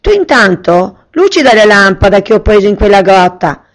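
A woman voicing an eager, excitable young boy in a children's fairy tale, with a high, excited voice. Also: normal speed, close to an everyday voice. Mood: urgent. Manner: high, excited, loud calls.

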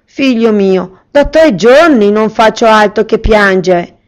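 A woman voicing a worried, poor mother in a fairy tale, speaking high and plaintive. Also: slow, lightly acted. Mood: mournful.

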